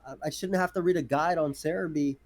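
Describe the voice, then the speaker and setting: A man with a somewhat high voice rattles along at a very fast clip. He is an eager podcast guest in a casual chat, often repeating his first words before a thought lands. The talk stays loose and excitable.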